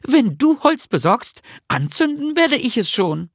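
A narrator voicing a tiny cheerful male house elf in a storybook reading, with a squeaky, bubbly, exclaiming voice. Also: very animated, measured pace, dry recording, studio quality, exaggerated voice. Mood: excited.

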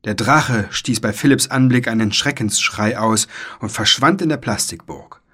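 A man narrating a children's storybook in an expressive, dramatic way. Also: medium pitch, normal speed, breathy edge. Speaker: audiobook narrator.

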